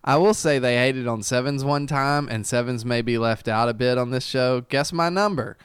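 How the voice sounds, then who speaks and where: A man's voice: medium pitch, normal speed, smooth, dry recording. A man co-hosting a casual podcast, joking and teasing while reading listener reviews aloud. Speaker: podcast co-host.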